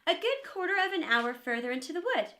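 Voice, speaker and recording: A sweet, innocent little storybook girl, played by a woman. Her voice sits high and lilts up and down with great animation. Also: very animated, brisk, a bit bright, full character voice.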